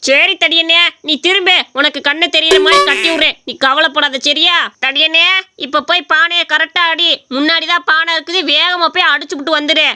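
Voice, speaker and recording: A woman's voice: very high voice, fairly even intonation, fairly quick, heavy background noise. A woman voicing a cheeky, cocky young village man who teases others and brags in a cartoon story. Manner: mocking, boastful.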